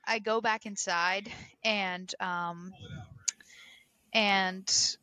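Bright-voiced young woman telling a story. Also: mid-range voice, clear, resonant tone. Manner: animated, filler-heavy storytelling with quick bursts. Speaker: podcast co-host. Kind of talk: casual storytelling chat.

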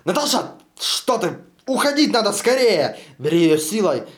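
A man shouting as an urgent revolutionary leader. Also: on the high side, little pitch movement, fast talker, close to an everyday voice. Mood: urgent commanding. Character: commanding young male revolutionary leader.

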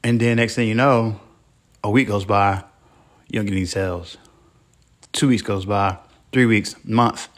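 A man's voice: on the low side, measured pace, long pauses. A married man hosting his own podcast, giving a rambling motivational monologue full of restarts and quoted voices. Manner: rambling, many restarts, animated quoting. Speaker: podcast host.

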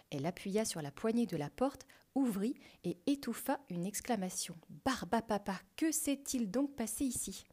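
A woman narrating a children's adventure book with a clear, lively reading. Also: medium pitch. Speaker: audiobook narrator. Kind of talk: storybook reading.

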